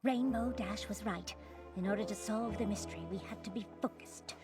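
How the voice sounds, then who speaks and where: A woman's voice: medium pitch, normal speed, over music, natural voice. An actress voicing a fashionable, theatrical young female pony who plays detective and narrates the story. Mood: narrating. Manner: theatrical, refined, gushing over fabrics. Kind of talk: cartoon voice acting with narration.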